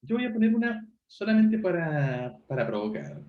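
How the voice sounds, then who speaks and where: Animated teacher on a roomy call. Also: male voice, high voice, moderate pace. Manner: questioning, checks understanding often. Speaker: university teacher. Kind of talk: online class review. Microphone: video call. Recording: roomy, dull lo-fi call audio.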